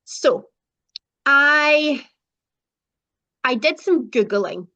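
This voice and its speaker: A woman's voice: high voice, animated, drawn-out words, bright, forceful tone, muffled recording. A Scottish woman hosting a casual chat over a video call, rambling a little with fillers. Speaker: host interviewer.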